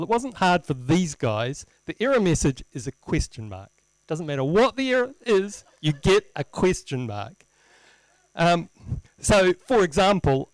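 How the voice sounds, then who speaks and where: A man presenting an informal live technical demo, halting as he thinks aloud, with wry, self-deprecating humour. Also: a little high, no echo, poor audio. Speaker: presenter at a tech meetup. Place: indoor lecture room, presenting at a screen. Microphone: handheld microphone.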